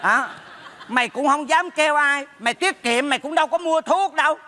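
A man's voice: extremely high pitch, sharp tone. A man playing a meddling neighbor in a stage comedy sketch, brash and teasing. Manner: brash, teasing, rapid scolding. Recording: stage hall with long reverb.

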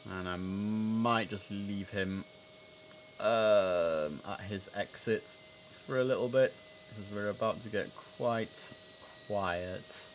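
A man in his thirties streams live from an indoor room, playing an air traffic controller and chatting casually, moving between asides and formal controller calls. His lowish voice is slow, and the low-quality recording has a little hiss or hum.

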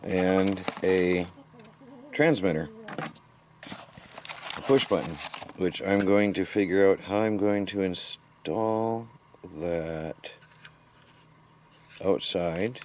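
A man's voice: deep voice, steady tone, very slow, pauses often, a little mellow. A middle-aged man casually narrating his homestead chores outdoors, rambling and chuckling to himself, picked up by a camera mic. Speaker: homesteading vlogger. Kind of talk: casual work-along narration. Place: outdoors on a rural property. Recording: faint outdoor background noise.

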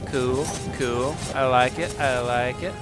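A man's voice: medium pitch, steady tone, slow pace. A man giving casual, upbeat let's-play commentary, rambling and laughing easily as he plays. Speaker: gameplay commentator. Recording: game music playing behind.

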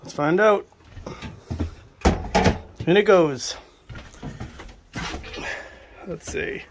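A New England man with a high-pitched voice films himself on a handheld phone as he picks through a cramped wooden shed at an estate sale cleanout. He speaks slowly, musing aloud to viewers in casual running commentary, with a noisy background behind him.

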